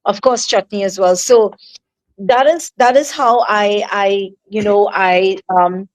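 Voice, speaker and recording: A female singer from Trinidad, with a Trinidadian accent and medium pitch, is a guest answering interview questions over a remote call with poor audio. She speaks softly and haltingly, full of fillers and restarts.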